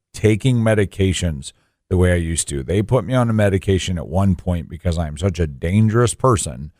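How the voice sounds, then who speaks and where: A man's voice: low-pitched, a little mellow, no echo, clean studio sound. A man of forty co-hosting a radio show, talking informally and emphatically, repeating phrases for stress. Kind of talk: conversational radio talk with personal asides.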